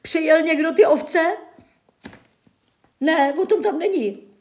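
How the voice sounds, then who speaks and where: A woman on a casual livestream, talking to her chat and reading local news in a sarcastic, mock-tearful, melodramatic way with sighs. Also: very high-pitched.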